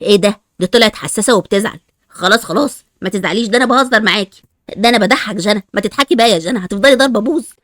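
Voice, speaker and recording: A mocking, joking Egyptian teenage boy who never stops teasing, played by a woman. He rattles along very fast in a dry, close recording. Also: mid-range voice, a bit bright, dry recording, natural voice. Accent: Egyptian Arabic. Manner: mocking, cheeky.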